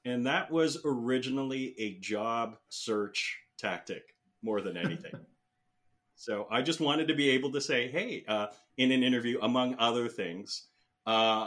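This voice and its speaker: Man, 50s, from the Philippines, interview guest, rambling, filler-heavy, mid-pitched voice. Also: normal speed, a bit bright. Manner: chatty, rambling with many fillers and restarts. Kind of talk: casual interview talk.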